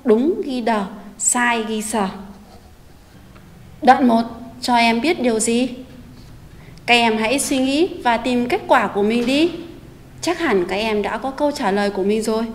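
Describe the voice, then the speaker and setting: Woman teacher, reading lesson for children, gentle, patient, fairly high voice, long echo. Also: a little slow, pauses often, slight background noise. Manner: gentle, patient, addresses pupils directly. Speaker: primary school teacher. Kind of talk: recorded online reading lesson.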